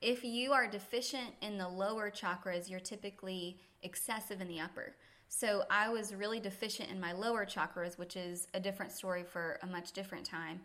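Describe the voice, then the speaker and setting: Bright-voiced woman telling earnest stories. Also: medium pitch, fairly even intonation, a little fast. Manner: earnest, reflective, laughs easily. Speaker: yoga instructor, podcast guest. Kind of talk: faith-centered conversational storytelling.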